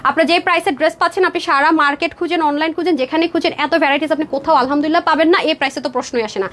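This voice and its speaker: A woman from Bangladesh hosting a live online sale, talking viewers through dresses in a quick, persuasive patter. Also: high voice, fairly even intonation, fairly bright tone, a little hiss or hum. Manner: rapid persuasive patter, addresses viewers as sister, mixes English words. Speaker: online clothing seller on a live stream. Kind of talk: live sales pitch. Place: indoor room with a door, modeling a dress.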